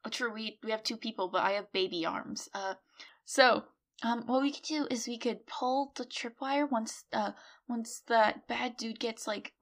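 A woman's voice: a little high, creaky. A woman voicing Ant, a small player character with baby arms, planning aloud in character with many fillers during a tabletop game. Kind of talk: in-character tabletop role-play.

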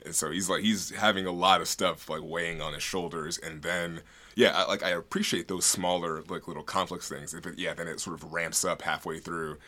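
A man's voice: sits low, steady tone, fairly quick, sharp tone. A man co-hosting a podcast, discussing film in a casual, rambling way full of "like". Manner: rambling, peppered with "like". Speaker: podcast co-host.

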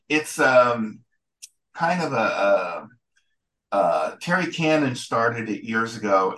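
A man being interviewed as a guest photographer and historian, talking casually in a rambling, halting way with many restarts. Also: on the low side, fairly bright tone, rough recording.

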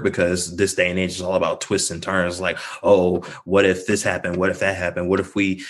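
A man co-hosting a casual podcast, ranting animatedly and often asking whether the others follow him. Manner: animated, swinging from low to high. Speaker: podcast co-host.

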